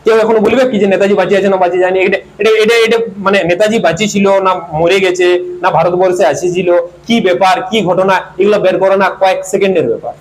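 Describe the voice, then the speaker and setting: A man's voice: sits high, fairly even intonation, racing, poor audio. A man giving an informal history lesson to students, asking questions and answering them himself. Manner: asks questions and answers them himself, repeats key words. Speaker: teacher.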